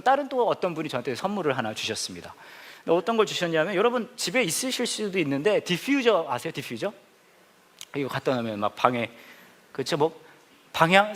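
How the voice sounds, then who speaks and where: A man preaching a humorous sermon as a pastor, telling stories playfully with sudden loud exclamations, in a church hall. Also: fairly high pitch. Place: church hall with a laughing congregation.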